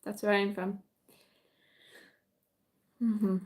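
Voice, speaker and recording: A woman's voice: mid-range voice, completely flat delivery, very slow, a little mellow. A woman from North Kerry in Ireland with a Kerry accent, a music teacher casually chatting on a livestream and greeting viewers by name. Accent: Irish, Kerry. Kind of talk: casual livestream chat reading viewer comments.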